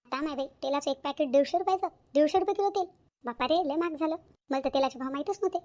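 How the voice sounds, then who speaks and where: Woman doing a nagging cartoon mother-in-law, high and fast, repeats herself. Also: dark tone, lightly acted. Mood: grumbling. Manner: scolding, repetitive. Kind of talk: cartoon comedy voice acting.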